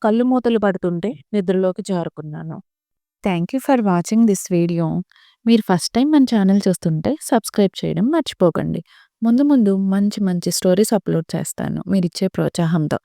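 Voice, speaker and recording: A woman reading a heartfelt family story aloud in the first person, in a calm and steady storytelling manner. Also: medium pitch, normal speed, vocal fry, no room sound, clean studio sound. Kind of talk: scripted first-person audio story narration.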